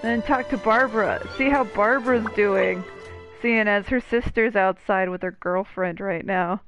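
Game music plays under a woman's fairly bright, medium-pitched voice as she chats casually about the game and voices its dialogue. She talks a little slowly, and her microphone sounds dull and muffled over the music.

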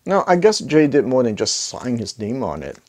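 A middle-aged man hosts a casual gear review to camera, speaking in a mid-range, sing-song voice at normal speed. He is an audio gear reviewer and video host, chatting conversationally with jokey asides and rhetorical questions. He records on a clip-on lapel mic in an indoor home listening room.

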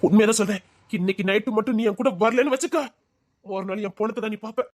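A woman's voice: medium pitch, quick pace, dry recording, clean studio sound, natural voice. A woman voicing a desperate young man in love who pleads and threatens in an audio drama. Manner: pleading, repeats her name, emotional threats. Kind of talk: Tamil audio drama acting.

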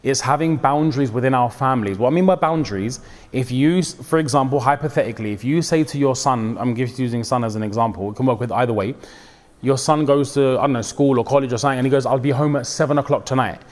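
A man's voice: mid-range voice, fast talker, big-room sound. A man giving an informal, conversational sermon, often acting out what people say. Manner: conversational, animated, acts out quotes and mixes in religious phrases. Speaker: Islamic preacher.

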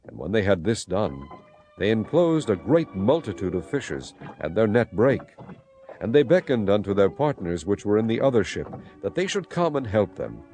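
In a solemn storytelling manner, a man narrates dramatized scripture at normal speed. His fairly low voice swings lively in intonation, with music clearly audible beneath him.

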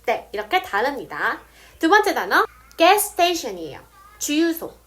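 A woman explaining English words step by step, saying example sentences slowly. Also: sits high, sing-song, a bit bright. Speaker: English teacher. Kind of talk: casual video lesson.

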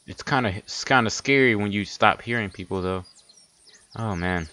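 A man narrating his survival game play as he goes, excitable and repeating "dude" often. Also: on the low side, moderate pace. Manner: excitable, keeps saying "dude". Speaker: gaming channel host. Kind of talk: let's play commentary.

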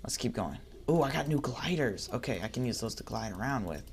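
A man giving excitable let's play commentary, chattering at the creatures on screen as he plays. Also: mid-range voice, brisk, slight background noise. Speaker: gaming channel host.

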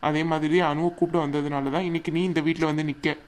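A woman's voice: deep voice, level tone, quick pace, darkish tone, natural voice. Woman voicing a placating cartoon husband. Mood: coaxing. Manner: coaxing, placating. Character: young husband caught between mother and wife. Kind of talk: animated cartoon drama.

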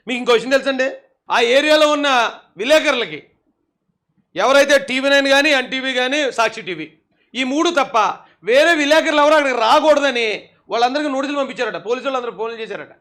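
Male commentator, high bright voice, sarcastic, scolding, laughs at his targets. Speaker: political commentator. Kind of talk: mocking video commentary.

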